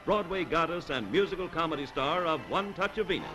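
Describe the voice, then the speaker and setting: A man's voice: a little high, expressive, rough recording. Man narrating an old 1940s newsreel. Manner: brisk, upbeat announcer delivery. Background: music.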